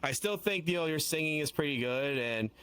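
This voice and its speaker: A man's voice: on the high side, lively intonation, fairly quick, fairly bright tone, clean tone. A man co-hosting a casual chat, rambling with many fillers. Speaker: co-host.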